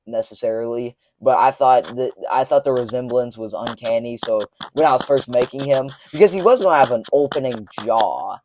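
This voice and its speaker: A man's voice: medium pitch, brisk, hardly any pauses, noisy background. A young man talking casually about the stuffed toys he made, rambling with many fillers on a small clip-on mic recorded to a phone. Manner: rambling, lots of fillers and restarts. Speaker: video creator. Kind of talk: casual commentary. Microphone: small clip-on lapel mic, recorded on a phone.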